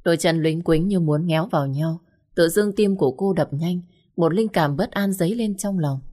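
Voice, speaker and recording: A woman narrating a dramatic story in an emotive, measured reading style. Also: on the low side, mellow. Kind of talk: expressive audiobook narration.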